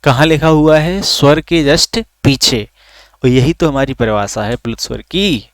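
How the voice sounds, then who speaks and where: एक आदमी, जो रिकॉर्ड की गई ऑनलाइन क्लास पढ़ाता है, खुद सवाल पूछकर खुद जवाब देता है और स्वरों को खींचकर बोलता है।. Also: male voice, mid-range voice, measured pace, dry recording, clean studio sound. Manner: asks questions then answers them himself; drags out vowels to demonstrate. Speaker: teacher. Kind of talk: recorded online lesson.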